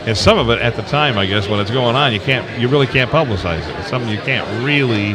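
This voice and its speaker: A radio show host from Tennessee, United States, with a Southern accent runs a casual live interview at a busy convention, folksy and rambling as he hunts for words. His mid-pitched voice is lively and quick. The crowd's chatter and convention noise fill the background.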